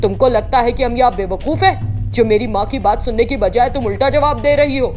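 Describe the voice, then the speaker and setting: A woman's voice: mid-range voice, normal speed, a little mellow, lightly acted. Woman voicing a bullying harsh husband. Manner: threatening, barking orders.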